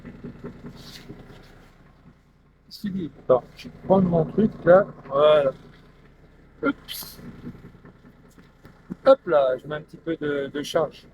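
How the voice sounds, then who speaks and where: A man's voice: on the high side, slow, pauses often, highs cut off, noisy background. A man chatting loosely to his live stream viewers on a headset, rambling and laughing often.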